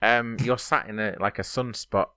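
A man's voice: lowish voice, steady tone, normal speed, bright, forceful tone, smooth, no room sound, studio quality. A man co-hosting a podcast in casual chat, teasing his co-host with playful banter.

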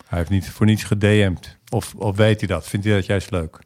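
A man's voice: lowish voice, steady tone, moderate pace, darkish tone. A man on a comedy podcast who jumps in, corrects the others and makes wry remarks. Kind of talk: casual podcast banter.

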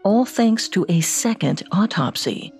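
A woman co-hosting a podcast, reading scripted true-crime narration with measured storytelling delivery. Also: medium pitch, lively intonation, a little mellow, faint music behind. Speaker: podcast co-host.

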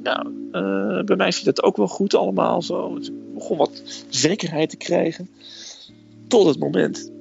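A man telling a personal story in a casual, hesitant way, filling pauses with "eh". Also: medium pitch, creaky, muffled recording. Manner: hesitant storytelling, frequent "eh" fillers.

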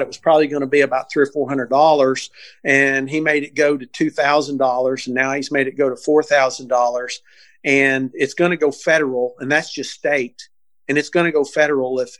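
A man being interviewed, telling a case story in a casual, animated way, acting out what people said, with frequent restarts. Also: mid-range voice, no room sound.

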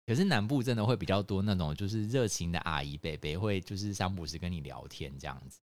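Lower-voiced, giggly Taiwanese Mandarin man. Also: quick pace, dry recording. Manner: giggly, self-deprecating. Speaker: podcast co-host. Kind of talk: casual chat.

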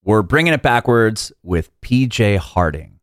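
A podcast host from San Diego, USA, interviews a guest over a video call in a casual chat, easygoing and laughing frequently. His voice is on the low side with lively intonation and a measured pace. The sound is clean studio quality with no echo, from a video call mic.

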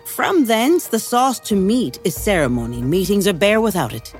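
A woman's voice: medium pitch, sing-song, moderate pace, faint music behind, lightly acted. An actress playing a scheming, commanding queen in a Shakespearean stage style, scolding her husband in a controlled way. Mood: reproachful.

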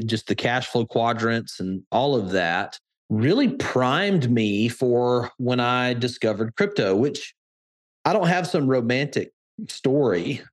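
A middle-aged man speaks with an Alabama accent at a medium pitch. He talks conversationally, like a podcast guest explaining his own story. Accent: Alabama Southern US. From Birmingham, Alabama. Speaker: podcast guest, entrepreneur and crypto investor.

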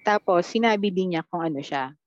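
A woman telling her experiences as a podcast guest, quoting her own dialogue in a blunt, animated way. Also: fairly low pitch, brisk, no room sound, highs cut off. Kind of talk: casual storytelling chat.

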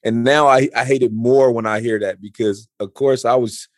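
A man's voice: mid-range voice, fairly even intonation, no room sound, clean studio sound. A man in his forties chatting casually, often stumbling and restarting his sentences. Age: 40s. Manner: halting, repeats words and restarts often. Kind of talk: casual chat.

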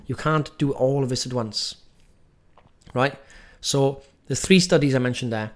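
Brief: man, nutrition coach, mid-pitched, direct and emphatic teaching. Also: unhurried. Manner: emphatic, direct, keeps asking "right?". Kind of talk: coaching lesson.

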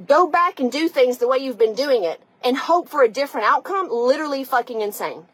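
High-pitched and animated with a breathy edge, a woman speaks a little fast on a rough recording with no echo. As a podcast host and coach, she gives a blunt, emphatic, profane tough-love pep talk, speaking conversationally straight to the listener.

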